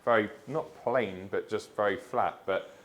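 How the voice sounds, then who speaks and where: A man's voice: fairly low pitch, a little slow. A man chatting enthusiastically as a vlogger while collecting his new car at a dealership. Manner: enthusiastic, chatty, says "mate". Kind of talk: casual chat.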